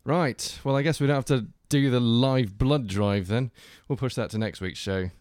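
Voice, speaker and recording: A man's voice: medium pitch, normal speed, darkish tone, no room sound, clean studio sound. A man hosting a comedy radio show in a mock-solemn presenter manner. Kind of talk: comedy radio hosting and reading a rhyming story.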